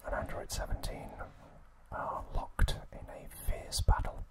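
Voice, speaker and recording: The narration comes from an ASMR host summarizing an anime series in a quiet, breathy whisper with no voicing, delivered at a slow, relaxed pace.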